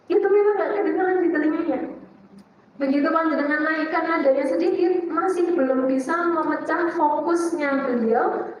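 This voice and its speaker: A woman giving a religious study talk to women, Indonesian with a Javanese tinge, lively and playful, asking questions and answering them herself. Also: sits high, a little hiss or hum. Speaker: Islamic teacher and psychologist. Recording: echoey hall, distant dull mic.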